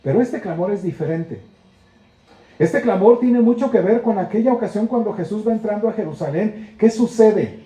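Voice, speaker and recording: High-voiced Mexican preacher in echoey church. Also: male voice, expressive, normal speed, mellow. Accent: Mexican Spanish. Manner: earnest, rhetorical questions, acts out prayers with rising emotion. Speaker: pastor. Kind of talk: sermon.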